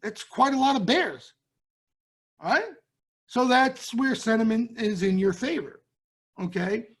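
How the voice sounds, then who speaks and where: A man's voice: very high-pitched, lively intonation, unhurried, slightly rough. Chatty Brooklyn man talking markets. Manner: chatty, blunt, keeps checking in with "right?". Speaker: trading show host. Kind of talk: casual market talk to viewers.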